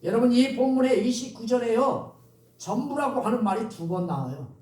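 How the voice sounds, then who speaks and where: A man's voice: very high voice, expressive, moderate pace, darkish tone. A man preaching a sermon as pastor, speaking to the congregation and drawing responses from them. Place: church sanctuary. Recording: echoey church recorded from a distance.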